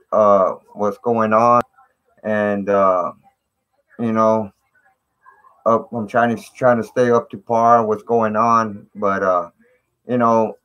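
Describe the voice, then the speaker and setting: Male live-streamer, lowish voice, slangy and informal, greeting his chat over fuzzy, distorted computer audio. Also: highs cut off. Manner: slangy, repeats "man" and "you know".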